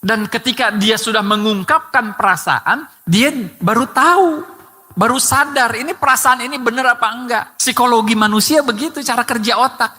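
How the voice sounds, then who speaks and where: A man's voice: very high-pitched, moderate pace, sharp tone. A man preaching a sermon who speaks straight to his listeners with rhetorical questions. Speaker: Islamic preacher. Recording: long hall reverb.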